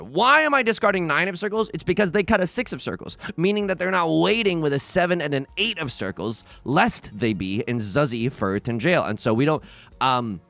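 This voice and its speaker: A man's voice: on the high side, creaky, bright, forceful tone. A man hosting his own let's play, talking through a tile game in a rambling, self-mocking stream of consciousness into a desk microphone. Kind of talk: casual gameplay commentary.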